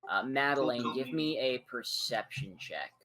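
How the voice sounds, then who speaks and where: Bright-voiced man running a tabletop game. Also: medium pitch, measured pace. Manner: relaxed, casual, filler-heavy narration. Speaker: game master.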